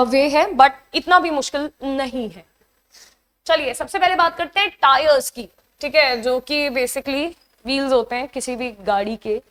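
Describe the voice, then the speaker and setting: A young woman with an Indian accent and a high, light voice teaches an online exam-prep English class. She explains word pairs in a mix of Hindi and English and reads each test sentence slowly and carefully.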